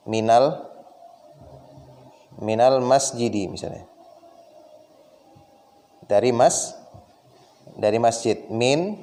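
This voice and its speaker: A man's voice: mid-range voice, a little mellow. A man teaching an Arabic lesson, patiently asking the class questions and then answering them himself. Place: meeting room.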